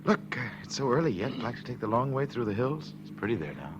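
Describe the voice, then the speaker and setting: An actor playing a smooth-talking male strangler in his forties in a 1940s radio drama, oily and flirtatious, often dropping to a hush. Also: medium pitch, big pitch swings, fast, dull audio, background noise, lightly acted. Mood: creepy charm. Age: 40s. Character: smooth-talking middle-aged male strangler posing as salesman.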